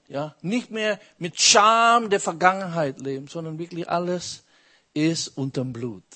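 A man's voice: fairly high pitch, fairly bright tone, husky. A man preaching a sermon with emphasis, asking the congregation questions as he goes.

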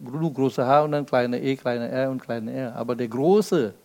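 A male preacher giving a sermon, explaining step by step with rhetorical questions and swinging between loud emphasis and soft, low asides. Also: moderate pace, creaky.

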